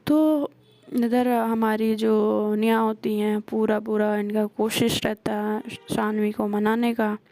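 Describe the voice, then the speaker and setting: A woman's voice: medium pitch, flat delivery, slow, mellow, no room sound. A woman casually retelling a romance story, quoting the characters' dialogue with many hesitations. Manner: retells scenes with quoted dialogue, frequent hesitations.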